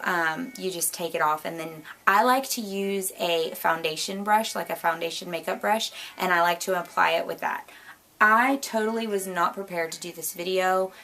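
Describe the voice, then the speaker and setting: A young woman with a hoarse, worn voice, chatting casually at home in a rambling, bubbly way with lots of asides. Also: fairly low pitch, fairly bright tone, a little hiss or hum. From Florida, US. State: hoarse, losing her voice. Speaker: beauty vlogger. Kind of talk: casual chat. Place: home, indoors. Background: light jazz music.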